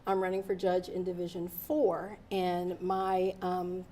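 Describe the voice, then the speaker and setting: A woman's voice: fairly low pitch, level tone, measured pace, warm tone, a little hiss or hum. A woman in her forties, a lawyer and interview guest who was raised in Delaware, answering earnestly with many ums and uhs. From Delaware, USA. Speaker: guest, attorney and judicial candidate.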